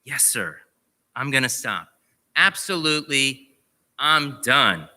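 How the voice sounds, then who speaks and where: A man's voice: high voice, big pitch swings, unhurried, sharp tone, voice pushed up, full character voice. A man voicing a chastened, shivering parrot in a meek, subdued way. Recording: long reverb of a large hall.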